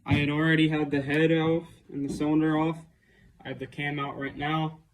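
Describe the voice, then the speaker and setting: A man's voice: on the high side, little pitch movement, a little fast, rough recording. A man talking plainly and matter-of-factly as a home mechanic, in a casual how-to vlog style. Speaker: home mechanic presenting a dirt bike engine rebuild.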